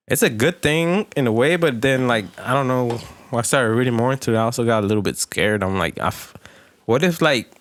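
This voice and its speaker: A man's voice: mid-range voice, no echo. A man co-hosting a podcast, chatting casually in a rambling, hesitant way full of fillers and trailing thoughts. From Texas. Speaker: podcast co-host. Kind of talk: casual chat.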